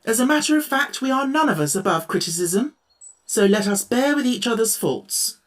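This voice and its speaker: Woman voicing a gentle, kindly Tin Woodman. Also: lowish voice, animated, fairly quick, pitched above the performer's own voice, natural voice.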